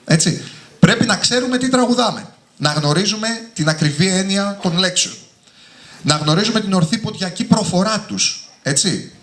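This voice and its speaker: A man's voice: high-pitched, animated, fairly bright tone. A man, an author and singer, giving an emphatic, passionate talk to a live audience at his book presentation. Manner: passionate, emphatic, often ending points with a tag word. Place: indoor hall with a live audience. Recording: echoey hall.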